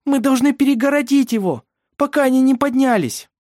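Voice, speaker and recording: A woman's voice: fairly high pitch, slow, darkish tone, dry recording, studio quality. A woman voicing Shira, a frightened pleading young woman. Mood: urgent. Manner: anxious, pleading, breathless exclamations. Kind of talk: audiobook character reading.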